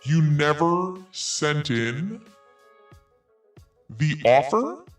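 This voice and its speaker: A podcast host reads messages aloud on his commentary show with biting sarcasm, swearing and laughing through the reading. His slightly high voice swings widely in pitch as he drags out the words extremely slowly. He sounds far from the mic, with faint music underneath.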